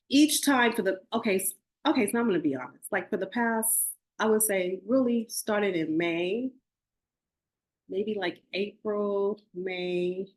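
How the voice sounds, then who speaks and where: A woman in her forties hosting a spiritual podcast, talking earnestly to her listeners and often restarting and correcting herself. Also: mid-range voice. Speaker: podcast host. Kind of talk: casual spiritual talk.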